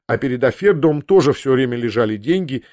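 A man's voice: mid-range voice, fast, dry recording, clean studio sound. Man reading an audiobook expressively. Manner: expressive, acting out the dialogue. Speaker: audiobook narrator. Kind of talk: scripted narration of a classic novel.

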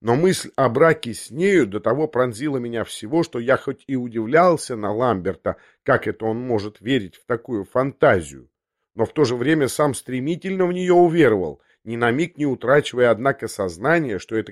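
A man narrating a classic novel as an audiobook in measured, even storytelling. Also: mid-range voice. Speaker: audiobook reader.

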